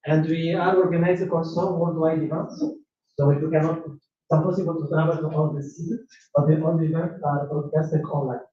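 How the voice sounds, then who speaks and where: A Tunisian man gives a technical conference presentation in a large hall, his fairly high voice steady and fairly quick. He sounds hesitant, with many fillers, restarts and non-native phrasing. A distant, dull, echoey room mic catches him along with slight background noise.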